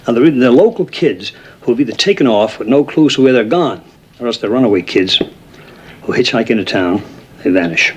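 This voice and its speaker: An actor playing a brisk male police detective in a TV drama, matter-of-fact and commanding as he briefs colleagues. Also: medium pitch, animated, slight background noise, lightly acted. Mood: businesslike. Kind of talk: naturalistic TV police drama acting.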